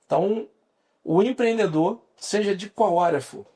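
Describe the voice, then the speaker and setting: A Brazilian lawyer in his forties, guesting on a podcast interview, speaks with a Brazilian Portuguese accent in a high-pitched, warm voice with a breathy edge. He explains at length at a moderate pace, frequently restarting his sentences.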